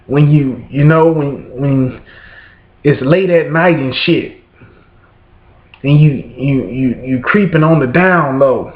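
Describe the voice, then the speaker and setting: A man's voice: medium pitch, takes it slowly, long pauses. A man ranting into his camera, rambling and swearing constantly while checking in with his listeners. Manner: rambling, swears constantly, keeps asking "you know what I'm saying". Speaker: vlogger. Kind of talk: profane ranting monologue. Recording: roomy, dull lo-fi room sound.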